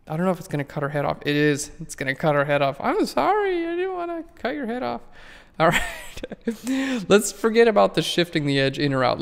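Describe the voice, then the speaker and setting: A man's voice: on the high side, clear, resonant tone, in a large hall. A man walking through a photo-editing tutorial in a casual, rambling way that keeps correcting itself. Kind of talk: screen-recorded software tutorial.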